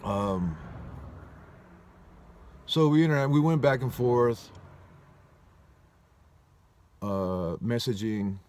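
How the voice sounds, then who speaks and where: A Southern Californian vlogger in his forties tells a personal story slowly, his medium-pitched voice somewhat dark in tone. He rambles reflectively and frequently corrects himself.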